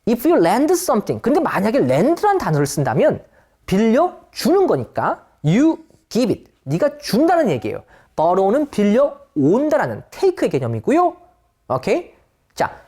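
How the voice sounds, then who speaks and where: A woman teaching English vocabulary with a sing-song teaching lilt. Her pitch swoops up and down a lot, and her voice sits a little low. She reads the English examples slowly and clearly for learners. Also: a little mellow. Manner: slow English model reading, quick Korean explanation; wide-ranging sing-song teaching intonation. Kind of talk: online English lesson.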